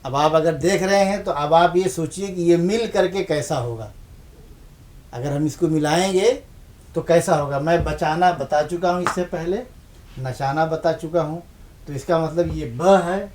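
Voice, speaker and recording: Guy teaching urdu writing, kinda high voice, keeps asking what is this then answers it himself. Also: darkish tone. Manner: patient, asks questions then answers them himself; repeats key points for emphasis. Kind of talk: televised language lesson.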